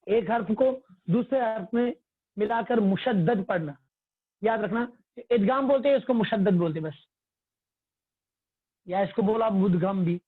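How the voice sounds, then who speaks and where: A man's voice: high-pitched, long pauses, husky, no echo. Man teaching over tinny phone audio. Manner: patient, repetitive, quizzing the class. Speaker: Tajweed teacher. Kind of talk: online religious class. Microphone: phone or computer mic on a video call.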